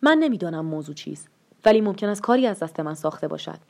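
A woman's voice: on the low side, lively intonation, creaky, mellow. A woman voicing a tired, irritable young man in a read-aloud story, with a curt delivery. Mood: calling out.

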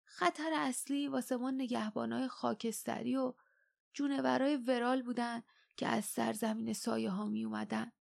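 A woman voicing an old, grave and weary giant creature elder in an audiobook, speaking low and hushed. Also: steady tone, vocal fry. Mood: somber. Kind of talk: audiobook character voice.

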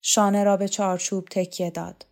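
A woman narrating a novel as an audiobook, in a calm, measured way. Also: medium pitch, vocal fry.

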